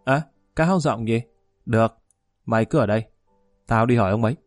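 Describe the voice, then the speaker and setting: A man's voice: mid-range voice, moderate pace, no echo, soft background music, lightly acted. Guy reading as a sly bossy security boss, blunt and commanding, dry close sound. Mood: gruff. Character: shrewd middle-aged male security chief, bullying.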